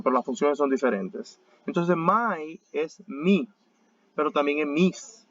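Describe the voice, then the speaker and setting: Man teaching with slow, repeated phrasing. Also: on the high side, a bit bright, dull audio. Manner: explains step by step, repeats words slowly for students. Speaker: English teacher. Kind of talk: online class lecture.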